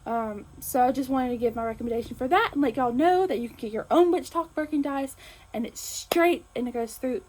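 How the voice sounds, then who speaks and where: Lady hosting her channel, bubbly and chatty, kinda high voice. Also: a little fast, a little mellow, rough recording. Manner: enthusiastic, chatty, frequent fillers. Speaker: host. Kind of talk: casual chat to camera.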